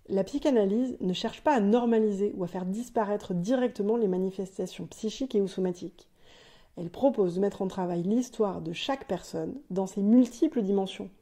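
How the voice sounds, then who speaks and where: A woman's voice: medium pitch, dark tone. A woman hosting a podcast, delivering a scripted, explanatory solo monologue with light asides. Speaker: podcast host.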